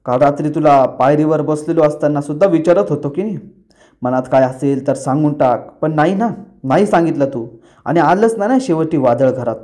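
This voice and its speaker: A man voicing an elder brother from a TV serial, shouting and demanding answers. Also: on the high side, normal speed, pauses often, lightly acted. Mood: angry.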